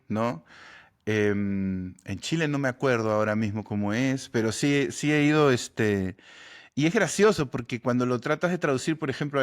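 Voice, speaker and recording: A Peruvian comedian guest with a Peruvian Spanish accent chats in a casual interview, telling stories in a relaxed way and often ending phrases with a questioning tag. His voice is medium-pitched.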